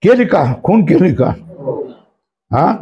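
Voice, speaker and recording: High-voiced man teaching, quizzing listeners. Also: very animated, slow pace, lo-fi sound. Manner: asks the listeners questions again and again. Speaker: spiritual teacher. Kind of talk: religious discourse.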